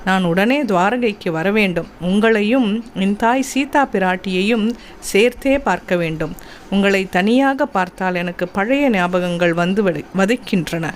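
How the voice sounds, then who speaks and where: Woman reader voicing a humble devoted monkey-god man, slow earnest storybook delivery. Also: mid-range voice, a little hiss or hum, natural voice. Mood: yearning.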